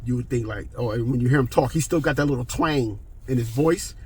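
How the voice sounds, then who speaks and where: A man's voice: mid-range voice, brisk, darkish tone, a little hiss or hum. A man in his forties, talking to the camera in a casual, emphatic monologue and often checking in with "okay?". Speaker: vlogger.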